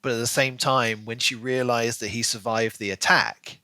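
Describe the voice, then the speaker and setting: A man with a mid-range, bright, forceful voice co-hosts a podcast, chatting casually about a book. His intonation stays fairly even and his pace moderate as he rambles in long runs packed with "you know"s. The recording has no room sound.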